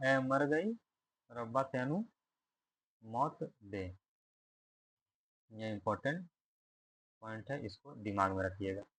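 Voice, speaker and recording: A man's voice: medium pitch, fairly bright tone, no echo. A man teaching Hindi literature for an exam, reading a story aloud, then asking questions about it and answering them himself. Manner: asks questions and answers them, repeats lines.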